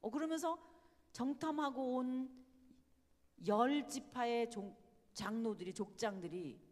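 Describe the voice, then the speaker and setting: A woman giving a Bible study lecture, animated and emphatic, often putting rhetorical questions to her listeners. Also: high-pitched, in a large hall.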